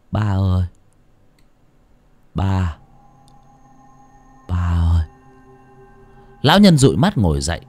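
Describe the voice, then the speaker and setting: A man narrating a horror story in an expressive, dramatic style. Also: mid-range voice, slightly rough, no room sound. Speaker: audiobook narrator.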